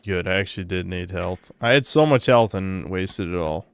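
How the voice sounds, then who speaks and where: A man's voice: sits low, moderate pace, smooth. A man casually commentating a game on a live stream, swearing and reacting aloud as he plays.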